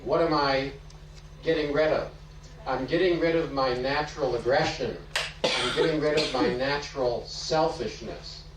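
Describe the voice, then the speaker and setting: A man's voice: medium pitch, slight background noise. A man explaining psychology in a lecture, telling stories and asking rhetorical questions. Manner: storytelling, asks rhetorical questions. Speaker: psychology teacher. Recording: echoey room, voice from far off.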